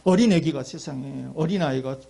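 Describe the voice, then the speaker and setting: A man's voice: fairly high pitch, brisk, creaky, mellow. A man preaching a sermon as pastor, telling stories emphatically and addressing the congregation directly.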